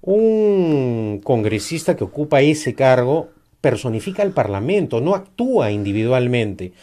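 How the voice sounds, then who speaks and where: A man's voice: medium pitch, very animated, a little slow, dark tone. A man, giving emphatic, critical political commentary in a discussion, with frequent "eh" fillers.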